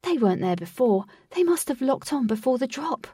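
A woman's voice: sits high, sing-song, a little fast, breathy edge, no echo, studio quality, far from the mic, voice pushed up, full character voice. A woman playing a short-tempered male protector. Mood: angry. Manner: forceful, clipped commands.

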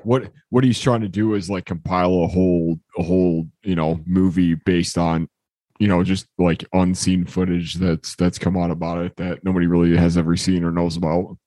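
A man's voice: deep voice, flat delivery, moderate pace, warm tone, no room sound. A young man chatting casually on a podcast, rambling with lots of fillers and restarts while he has the hiccups. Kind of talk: casual chat.

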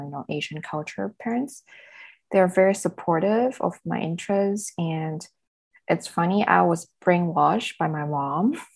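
Woman from southern china, chatty and relaxed, lowish voice, laughs a lot. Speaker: guest, self-love coach. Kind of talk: casual interview chat.

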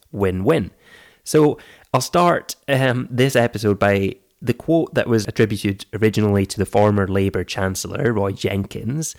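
A man with a croaky, froggy voice, hoarse from flu, presenting a podcast in a semi-scripted, explanatory way. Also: on the low side. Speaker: podcast host. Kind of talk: scripted personal finance podcast narration.

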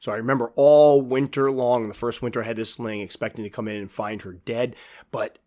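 A man with whistling, sibilant S sounds, hosting a casual enthusiast countdown and telling stories in an animated way, acting out quoted reactions. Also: medium pitch, a little fast. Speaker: host, tarantula keeper.

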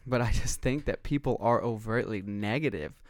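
A man's voice: on the low side, normal speed, darkish tone, no room sound. A man in casual conversation, recorded dry and close with hardly any room sound. He speaks with intensity and conviction, assertive in his delivery and sprinkling "like" through his phrases.

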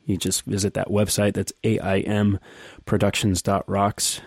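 A man hosting a casual podcast, talking in a relaxed, enthusiastic way. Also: sits low, moderate pace, breathy edge, no room sound, studio quality. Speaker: podcast host.

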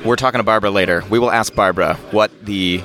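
Upbeat male podcast host, lower voice. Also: fairly bright tone. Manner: upbeat, quick, repeats words. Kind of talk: live conference interview. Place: busy conference venue.

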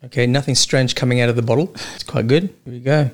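A man's voice: medium pitch, fairly even intonation, fast talker. A man co-hosting a podcast, chatting casually and wryly over a wine tasting, laughing often. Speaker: podcast co-host.

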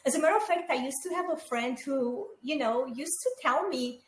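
In an echoey room with faint noise in the background, a podcast co-host, a middle-aged woman from Romania, chats casually with many fillers and asides to her listeners. Her voice sits high, at a moderate pace.

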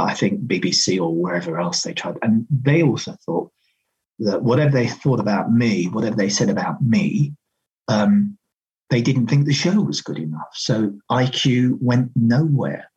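A man's voice: fairly low pitch, a little mellow, slightly rough, highs cut off. A middle-aged man, a radio presenter reminiscing conversationally in an interview. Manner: conversational anecdotes, quoting others' remarks.

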